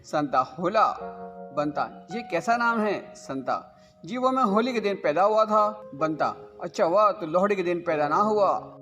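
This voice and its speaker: A man's voice: sits high, lively intonation, a little slow, highs cut off. A man reading short jokes aloud in plain storytelling, closing with a request to like and subscribe. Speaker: joke reader and channel host. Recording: long reverb over loud background music.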